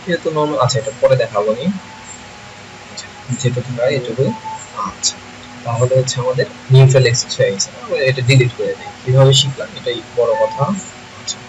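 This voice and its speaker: A man, teaching software in a screen-recorded tutorial, thinking aloud and often checking that listeners follow. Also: mid-range voice, fairly even intonation, brisk, highs cut off. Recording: noisy home recording.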